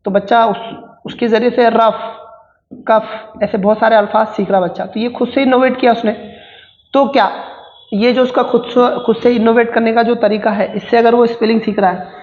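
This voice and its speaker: Indian accent lady going over test questions, slow careful reading then casual explaining, roomy echo, kinda muffled. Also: a little high. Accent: Indian English. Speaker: exam prep teacher. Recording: echoey room, dull lo-fi sound.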